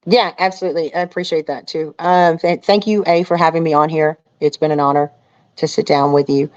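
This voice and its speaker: Low and steady in tone, this middle-aged American woman speaks fairly quickly with a darkish voice. As an interview guest, an angler and outdoor survival show contestant, she's casual and earnest, wandering conversationally and saying "you know" often. The sound is close, dry and a little muffled up top.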